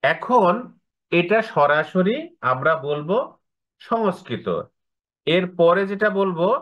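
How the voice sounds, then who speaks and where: A man's voice: high-pitched, takes it slowly, highs cut off. A man teaching an online class, often checking with rhetorical questions. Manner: explains with rhetorical questions to students.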